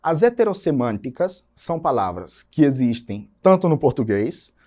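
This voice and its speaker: A man from Brazil, a teacher giving a recorded lesson, explaining patiently and repeating example words slowly for emphasis. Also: mid-range voice, big pitch swings, a little mellow.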